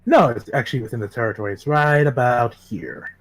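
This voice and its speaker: A man narrating a tabletop game as its game master, in an ordinary middle-pitched voice. His delivery is relaxed and casual, wandering a little as he explains. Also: brisk. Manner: relaxed, casual, a bit rambling.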